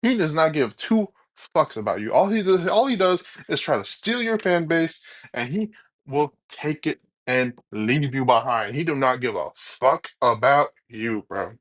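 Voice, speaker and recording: A man hosting a reaction video, rambling with halting restarts and blunt opinions. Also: fairly high pitch, expressive, a bit bright. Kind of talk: casual reaction commentary.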